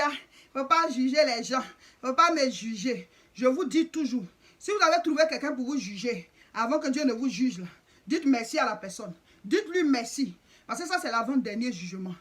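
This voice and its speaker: High-voiced woman preaching. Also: a bit bright. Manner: exhorting, insistent repetition. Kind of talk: sermon.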